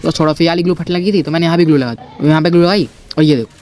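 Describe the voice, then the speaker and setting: Speaking very fast in a fairly high, slightly mellow voice, a male gameplay commentator gives chatty voice-over on a shooter match he played. He pokes fun at himself, talks right to his viewers, and keeps calling them "brother."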